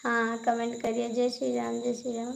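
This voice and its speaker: A woman with an Awadhi accent hosting a phone live stream, calmly reading out viewer comments, thanking people and adding devotional greetings. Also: a little high, normal speed, creaky, slight background noise, rough recording. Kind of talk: casual live-stream chat.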